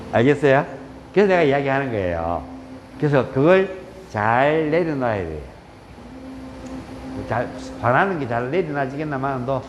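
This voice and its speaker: Chatty yoga teacher. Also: male voice, mid-range voice, slight background noise. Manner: chatty, teasing, counts poses aloud. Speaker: yoga instructor. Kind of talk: live yoga class teaching. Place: yoga studio. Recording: echoey hall with faint room ambience.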